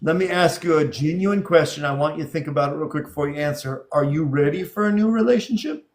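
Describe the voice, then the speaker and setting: Male live-show host, fairly high voice with heavy vocal fry, encouraging, casual, repeats himself for emphasis. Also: fast talker. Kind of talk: casual live hosting and interview.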